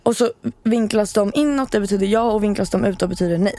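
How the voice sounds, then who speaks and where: A woman co-hosting a podcast, telling stories in a casual chat and acting out what people said. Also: mid-range voice. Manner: animated storyteller, acts out quotes. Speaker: podcast co-host.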